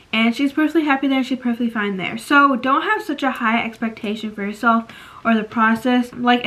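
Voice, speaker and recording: A teenage girl in casual vlog chat, talking fast and filling her talk with "like", giving advice to viewers from her phone. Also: on the high side, a bit bright, poor audio. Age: teens. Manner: chatty, fast, lots of "like" fillers. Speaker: vlogger. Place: bedroom at night. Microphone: phone at arm's length.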